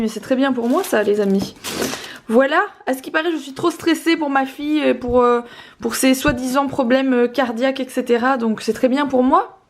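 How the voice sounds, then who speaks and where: A young woman with a fairly high voice talks casually to her viewers from her home. She is upbeat and chatty, with frequent fillers and restarts. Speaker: family vlogger. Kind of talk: casual vlog chat, unboxing. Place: at home, indoors.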